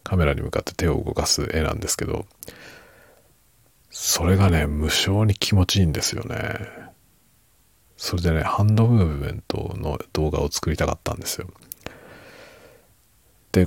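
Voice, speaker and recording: A middle-aged podcast and ASMR creator chats softly and casually late at night in a deep, husky, hushed murmur that drifts into a whisper. He's unhurried and trails off, and there's no room sound.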